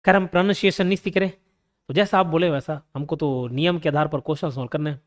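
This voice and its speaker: A man's voice: on the high side, quick pace, big-room sound. A man with a Chhattisgarh Hindi accent teaching a grammar class, explaining step by step and asking and answering his own questions. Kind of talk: grammar lesson.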